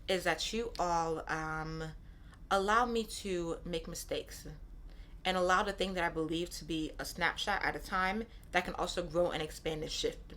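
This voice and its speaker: Her voice is fairly low, pushed and bright, with slight background noise in the recording. She's a woman in her thirties who was born in Nigeria and raised in Brooklyn, New York, hosting a casual solo podcast in a candid style full of repeated phrases and "right?" asides.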